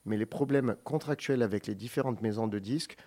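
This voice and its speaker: A man's voice: fairly low pitch, brisk, mellow. Guy on the radio rattling off a long list of band names, joking around, correcting himself. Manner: reads long name lists, joking asides and self-corrections. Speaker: radio co-host presenting a music segment. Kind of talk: casual radio chat.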